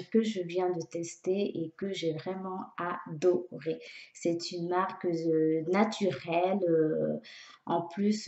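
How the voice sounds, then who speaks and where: Woman beauty vlogger, lowish voice, casual and hesitant, filler-heavy; echoey, lo-fi home recording. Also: mellow. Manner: hesitant, many pauses and fillers. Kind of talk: casual product review. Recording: echoey room, dull lo-fi sound.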